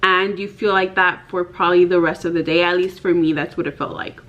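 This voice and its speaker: A woman of about thirty chats casually to the camera in her bedroom, candid and peppering her talk with "like." Her voice sits on the low side with fairly even intonation, a little fast and a bit bright, though the highs are cut off. The camera faces her, framing her head and shoulders.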